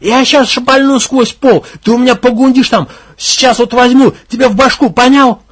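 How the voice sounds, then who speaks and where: A man voicing a hot-tempered young village gang leader who barks, mocks and shouts. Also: high voice, fairly quick, breathy edge. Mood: furious. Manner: angry, mocking, shouting, coarse.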